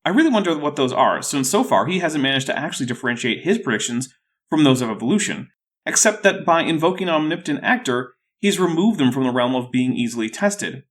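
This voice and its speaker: A man's voice: fairly high pitch, animated, fast. A man with a thick, sore-throated voice hosting a scripted rebuttal video in a dry, skeptical way. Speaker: YouTube host.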